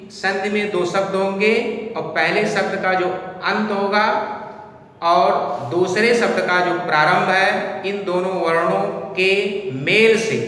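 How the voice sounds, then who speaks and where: A male teacher giving a slow classroom lesson, asking the class questions and then answering them himself. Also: high voice, bright, forceful tone. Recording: echoey hall, distant mic.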